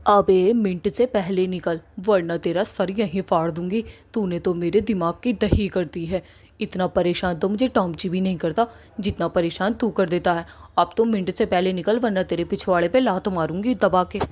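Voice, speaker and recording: A woman voicing a feisty young woman in a cartoon, who is blunt and quick to threaten. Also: on the low side, darkish tone, natural voice. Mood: angry.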